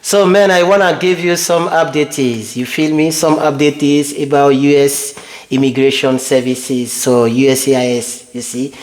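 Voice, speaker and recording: A man's voice: medium pitch, fairly even intonation, measured pace. A man vlogging immigration news from his home computer, talking straight to his viewers in a loose, rambling way and sliding from English into French. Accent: non-native English, French-speaking. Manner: switches between English and French, addresses viewers directly, rambling. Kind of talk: casual informal vlog. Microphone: computer microphone.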